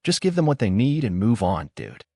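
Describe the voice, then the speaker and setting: A man's voice: lowish voice, sing-song, moderate pace, a little mellow, breathy edge, no room sound, studio quality, full character voice. A man voicing a scoffing young adult foster brother, in a storybook reading. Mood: dismissive.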